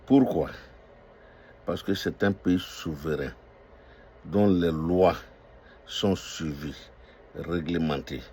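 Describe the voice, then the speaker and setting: A man's voice: low-pitched, takes it slowly, long pauses, mellow, slightly rough. An older man who owns restaurants, giving an impassioned political monologue full of emphatic, repeated declarations and hesitant fillers. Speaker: restaurant owner speaking out on politics.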